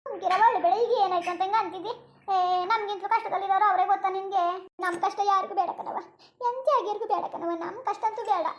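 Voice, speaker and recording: A woman's voice: very high-pitched, steady tone, quick pace. A woman voicing a poor, weary village mother of four who pleads and reproaches, for a cartoon. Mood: pleading.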